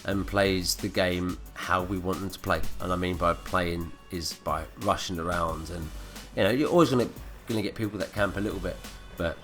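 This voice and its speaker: A man's voice: deep voice, fairly even intonation, moderate pace, hardly any pauses, fairly bright tone. A man with a blocked nose from a cold, ranting and swearing through gameplay commentary. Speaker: gaming commentator. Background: faint background music.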